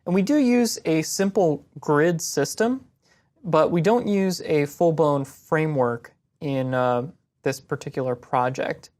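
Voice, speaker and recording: A young woman answers viewers' web design questions in a low voice and at a slightly slow pace. The screen-share lesson feels casual and relaxed as she explains each step.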